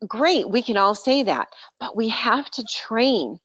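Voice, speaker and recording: A woman's voice: on the high side, big pitch swings, slow, fairly bright tone, husky, no room sound. A woman on a group voice call, talking as a coach for dental practices. She is emphatic and outspoken. Her voice comes through muffled, lo-fi and very dry, with no room sound behind it. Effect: heard over a group voice call. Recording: dull lo-fi call audio.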